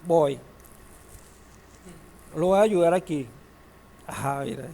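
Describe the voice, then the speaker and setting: A man's voice: on the high side, slow, creaky, dark tone. A man teaching a database class, lecturing in a classroom, asking students questions and joking now and then. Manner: asks the class questions, uses humor.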